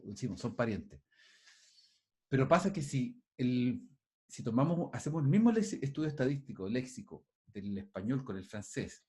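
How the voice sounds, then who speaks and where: A man's voice: mid-range voice, darkish tone. A male teacher giving an online class over a video call, thinking aloud with frequent restarts and putting questions to his students.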